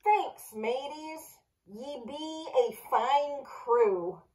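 A woman voicing a swaggering pirate storybook that talks in gruff pirate slang. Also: high-pitched, drawn-out words, dark tone, pitched above the performer's own voice. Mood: blustery. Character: swaggering pirate storybook, blustery sea-dog.

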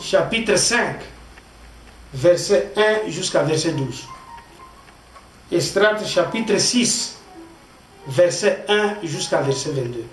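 A pastor from the Democratic Republic of the Congo, preaching a sermon and reading scripture in short, deliberate phrases. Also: male voice, fairly high pitch, animated, distant mic. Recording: echoey room, voice off-mic, faint music.

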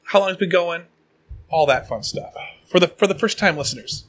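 A man in his late thirties hosts a laid-back podcast, chatty and rambling. His voice sits a little high and sounds bright and forward. He is from the Pacific Northwest. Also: a little fast, a little hiss or hum. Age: late 30s. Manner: chatty, rambling, reads shout-outs. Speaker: podcast host. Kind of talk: casual podcast chat.

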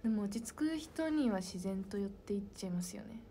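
Young woman idol, mellow soft voice, casual fan Q&A chat, whispered asides. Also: mid-range voice, animated, brisk, slight background noise. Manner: soft-spoken and chatty, drops into whispered asides. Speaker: idol talking with fans.

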